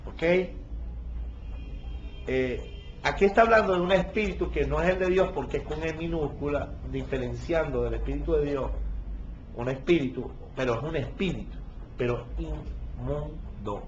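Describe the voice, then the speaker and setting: A man's voice: mid-range voice, slight background noise. A male pastor teaching a Bible study verse by verse, stopping often to check that his listeners follow. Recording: dull lo-fi recording with faint ambience.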